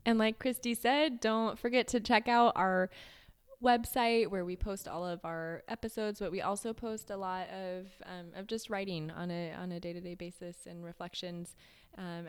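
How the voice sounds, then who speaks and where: A woman co-hosting a podcast, talking in a halting way with many restarts and fillers. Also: fairly low pitch, fairly even intonation, smooth. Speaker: podcast co-host. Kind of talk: casual podcast chat.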